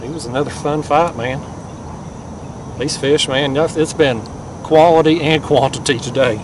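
A young man, talking excitedly and laughing often while he fishes from a kayak on a river, recorded on a mounted action camera. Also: a little high, measured pace, noisy background. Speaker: fishing vlogger. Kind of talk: casual outdoor fishing commentary.

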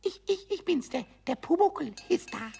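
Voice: very high-pitched, expressive, normal speed, vocal fry, dark tone, full character voice. A performer voicing a mischievous little male kobold in a radio play, stammering, giggling and chattering. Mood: excited chatter.

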